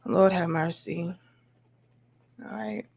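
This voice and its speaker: A woman's voice: fairly low pitch, fairly even intonation, takes it slowly, vocal fry, a little mellow, a little hiss or hum. A woman hosting a casual opinionated livestream, skeptical and emphatic, with sarcastic exposé-style commentary and colloquial address to her viewers. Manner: skeptical, sarcastically mimics opposing views; emphatic, punchy delivery with rhetorical questions. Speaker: livestream host.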